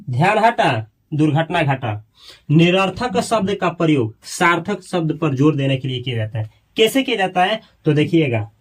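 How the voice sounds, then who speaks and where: High-voiced man teaching grammar. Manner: repeats key words slowly, quizzes students with questions. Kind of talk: grammar lesson for school students.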